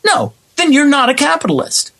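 In an impassioned interview, a male playwright-director explains his ideas forcefully and acts out remarks he imagines others making. His very high voice swings widely in pitch, sounding gravelly and a bit bright as he talks fairly quickly.

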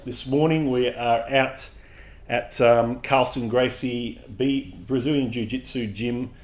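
A man's voice: mid-range voice, fairly even intonation, slow, darkish tone. Man, podcast host, casual interview, easygoing, prompting questions.

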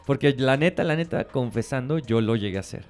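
A man's voice: mid-range voice, expressive, fairly quick, darkish tone. A man with a Mexican Spanish accent, co-hosting a podcast in casual, slangy chat and laughing often. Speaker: podcast co-host.

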